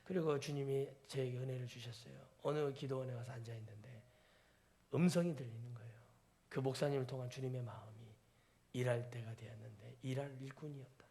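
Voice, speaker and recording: A man pastor delivering a sermon in a church, asking the congregation questions and moving between soft near-whispers and loud exclaimed peaks. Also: medium pitch, fairly quick, creaky. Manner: preaching with rhetorical questions to the congregation. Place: church sanctuary.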